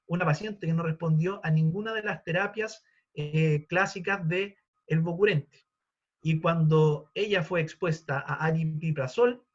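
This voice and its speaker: A man in his forties gives a live online lecture in a fairly high voice. He explains things patiently, with frequent hesitations and restarts. The audio is dull and lo-fi. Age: 40s. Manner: explanatory, with many fillers and restarts. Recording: dull lo-fi sound.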